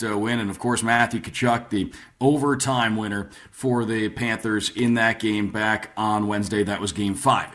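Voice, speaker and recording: A man's voice: on the low side, fairly bright tone. A man hosting a sports radio program in a conversational, emphatic way, stressing key phrases.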